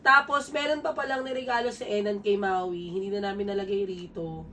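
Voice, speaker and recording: A hoarse woman, chatting casually as a vlogger while unboxing gifts at home, switching between English and Tagalog. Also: medium pitch, steady tone, fairly quick, bright, forceful tone. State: hoarse from a sore throat. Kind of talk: casual gift-unboxing chat. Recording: distant mic, faint room noise.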